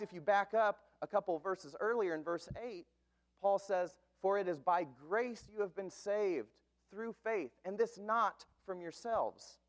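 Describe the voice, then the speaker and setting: Pastor in his thirties, high tenor; earnest, emphatic sermon delivery. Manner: earnest, emphatic preaching with slow stressed phrases.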